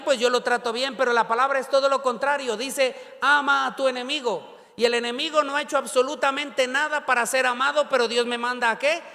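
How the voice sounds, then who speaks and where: A man's voice: very high-pitched, sharp tone. A male pastor preaching a sermon in a church and prompting the congregation to repeat his words. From Ecuador. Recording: long reverb of a church hall.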